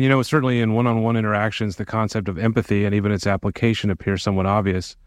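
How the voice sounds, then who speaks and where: A man, a lawyer, hosting an interview, delivering a scripted introduction and questions in a measured, thoughtful, formal manner. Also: lowish voice, no echo. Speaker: podcast host, lawyer.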